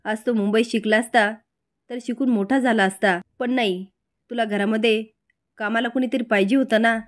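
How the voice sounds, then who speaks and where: A woman's voice: a little high, fairly even intonation, moderate pace, close to an everyday voice. A woman voicing an angry middle-aged village mother who scolds and accuses her brother. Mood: scolding.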